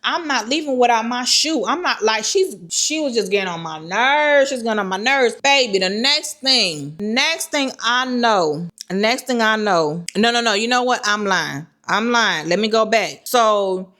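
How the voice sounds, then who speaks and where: A woman vlogger telling a personal story in lively, repetitive, slangy casual speech. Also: a little high, measured pace. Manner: colloquial, slangy. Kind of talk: storytime vlog.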